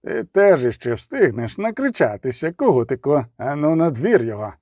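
A man voicing a cold, menacing young nobleman who speaks with ominous calm and sneers. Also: fairly high pitch, moderate pace, no echo, clean studio sound.

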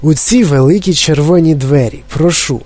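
A man voicing an eccentric, excitable male chocolate-factory owner who speaks in a high, clear, flute-like voice and gushes with delight. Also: normal speed, natural voice. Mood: gushing, excited. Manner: effusive, bubbling with excitement. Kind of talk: audiobook character voice.

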